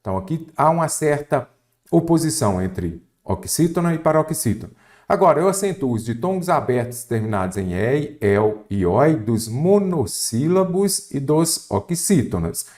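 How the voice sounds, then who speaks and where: A man's voice: fairly high pitch, big pitch swings, moderate pace, darkish tone. A man teaching a grammar lesson for exam candidates, asking the student rhetorical questions and listing example words one by one. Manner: didactic, addresses the student directly with rhetorical questions.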